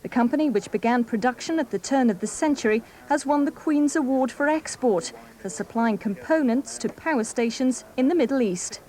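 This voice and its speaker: A woman TV news reporter reading a scripted report in a measured, even way, heard from a worn VHS tape copy. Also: sits high. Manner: measured, even newsreader delivery. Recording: hissy worn videotape copy.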